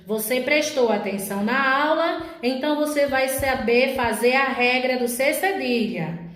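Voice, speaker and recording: A woman with a Brazilian Portuguese accent gives a recorded lesson to young schoolchildren. Her voice sits high, and she talks at an unhurried pace, drawing words out syllable by syllable. The room rings with heavy echo. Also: a bit bright. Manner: slow, careful, drawn-out syllables for young pupils. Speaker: primary school teacher. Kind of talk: recorded remote lesson for children. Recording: very echoey room.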